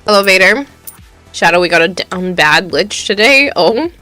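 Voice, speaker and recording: A woman streamer chatting casually and loudly greeting her chat while playing a game, her microphone clipping and distorting. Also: medium pitch, animated, normal speed, dry recording, soft background music. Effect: clipping, distorted mic.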